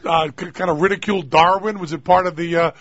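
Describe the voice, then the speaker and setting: A man hosting a radio show in casual chat, joking and excitable, laughing often. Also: sits high, quick pace, dry recording. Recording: dull lo-fi radio audio.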